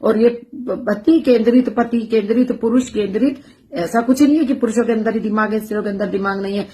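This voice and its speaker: A woman's voice: fairly high pitch, a little fast. Impassioned woman delivering a rhetorical monologue. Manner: forceful, rhetorical, repeating phrases for emphasis. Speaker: educator and social media speaker.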